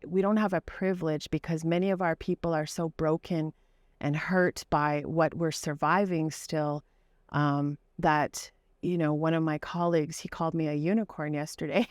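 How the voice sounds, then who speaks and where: A Canadian woman in her forties, a psychologist and advocate, speaks earnestly and passionately in an interview conversation, using frequent fillers. Her low-pitched voice is recorded with studio quality and no echo.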